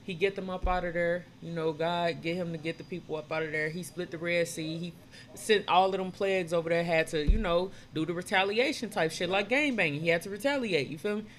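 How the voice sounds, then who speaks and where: A man casually retelling old stories in street slang, animated and acting out the characters' voices as he goes. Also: high-pitched, fairly quick. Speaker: storyteller retelling Bible stories.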